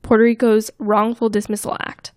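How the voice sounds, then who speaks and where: Woman podcast host reading bankruptcy news, a bit high pitched, dry sound. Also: level tone, moderate pace, no room sound.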